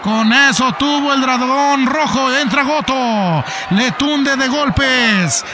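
A man with a Mexican accent giving excited, playful wrestling commentary in a shouting manner. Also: extremely high pitch, slow pace. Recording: loud arena noise behind voice.

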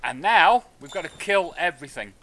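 Indoors at his streaming setup, a man plays a video game and offers casual, wry live commentary, half to himself, over the game audio. His fairly high voice is animated and sharp-toned, moving a little fast.

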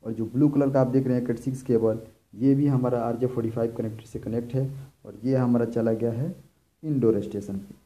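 In a low-quality recording, a man with a mid-range, mellow voice talks a little fast with fairly even intonation. He's an electrician giving an informal hands-on product demonstration indoors, filming equipment on the floor, explaining step by step and often repeating himself.

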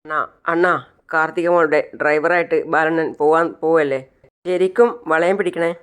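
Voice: mid-range voice, steady tone, moderate pace, a bit bright, smooth, natural voice. A narrator voicing a remorseful aging father who begs again and again to see his daughter, in a retold television serial. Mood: pleading. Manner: pleading, tearful, repeats "anna".

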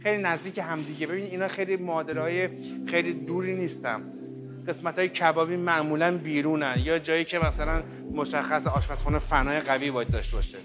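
Guy vlogging a hotel buffet, kinda high voice, chatty, music playing under him. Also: steady tone. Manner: chatty, addresses viewers as friends, many fillers. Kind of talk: walking tour commentary. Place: hotel buffet restaurant, indoors. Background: background music.

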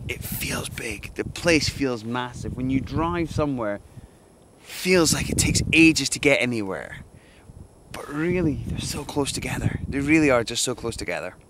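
Here a young landscape photographer, sick with a cold, narrates an outdoor vlog in a medium-pitched voice, thinking aloud with enthusiasm about his plans. He's on a windy hilltop, and the hand-held camera mic, used close and far, carries wind noise.

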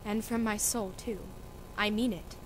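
A woman's voice: medium pitch, fairly even intonation, a little slow, background noise, close to an everyday voice. A woman playing a practical household nurse who gives blunt, matter-of-fact advice. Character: pragmatic old nurse, blunt adviser. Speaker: student actor in a school reading.

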